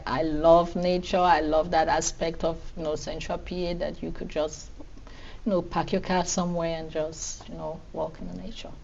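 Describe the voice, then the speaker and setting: Chatty low-voiced woman panelist. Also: darkish tone. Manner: chatty, many "you know" fillers, encouraging interjections. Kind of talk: panel Q&A answers. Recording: dull lo-fi sound with faint background noise.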